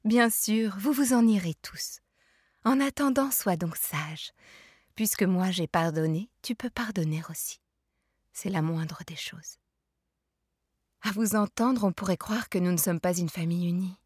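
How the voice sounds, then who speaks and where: A woman reading aloud as a patient, gentle mother soothing her child, her voice soft and dropping to whispers. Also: medium pitch, measured pace, breathy edge, dry recording, clean studio sound. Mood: tender.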